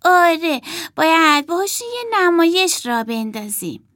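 A woman doing bossy little girl Emma, high and eager. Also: lively intonation, sharp tone, dry recording, clean studio sound, exaggerated voice.

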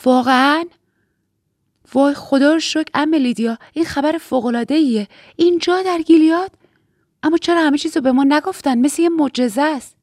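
A woman's voice: high voice, a little mellow, no room sound, studio quality, voice pushed up. A woman doing a gushing, devout young girl. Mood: thrilled. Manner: gushing and breathless with wonder. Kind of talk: audiobook character voice.

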